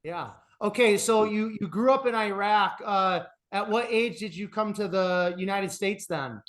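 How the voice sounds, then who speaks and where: A man's voice: sits high, unhurried, a bit bright. A man hosting a podcast interview, asking questions in a friendly way with many "uh"s and repeated words. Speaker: podcast host.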